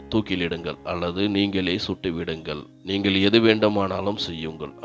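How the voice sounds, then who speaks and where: A meek young woman admitting a killing, quiet and downcast, as a deep-voiced male narrator reads her. The sound is dull and lo-fi, with faint music underneath. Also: close to an everyday voice.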